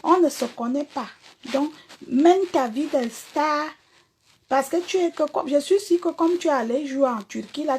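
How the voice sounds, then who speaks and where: Cameroonian French woman, performer, blunt confrontational livestream talker; high, husky voice. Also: a little mellow. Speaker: singer and performer. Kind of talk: livestream rant to viewers.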